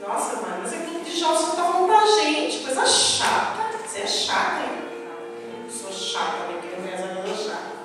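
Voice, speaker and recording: A woman preaches in a high, bright voice. She delivers an animated sermon and plays out her own quoted lines. She is heard from far off in a booming church hall, with music behind her. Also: normal speed.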